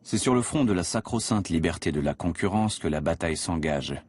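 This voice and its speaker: A man narrating a documentary in a measured, dramatic scripted voice-over. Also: sits low, animated, a little mellow. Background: music.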